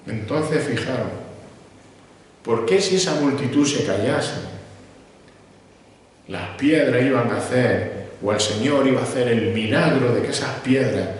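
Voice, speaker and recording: A man's voice: medium pitch, a little slow, long pauses. A man with a Spain Spanish accent preaches a sermon, asking questions of his listeners and then answering them. His voice rings through a large, very reverberant church hall, picked up from a distance. Faint room noise sits under the long reverb. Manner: poses rhetorical questions and answers them himself. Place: church sanctuary. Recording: echoey hall, mic far off.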